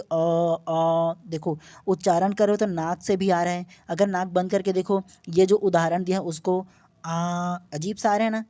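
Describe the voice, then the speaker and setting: A male teacher gives an online exam-prep language lesson in a soft, mellow voice. He explains step by step and stretches out each example sound so students can copy it. The recording is dry and close. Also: high voice, no echo. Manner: explains patiently and draws out example vowel sounds; checks in often with short "okay?" tags.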